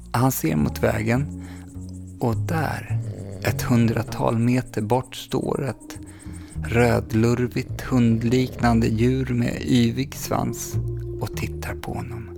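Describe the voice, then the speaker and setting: A man calmly reading a story aloud with measured pacing and dramatic pauses, with music playing underneath. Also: medium pitch, creaky. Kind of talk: scripted story narration.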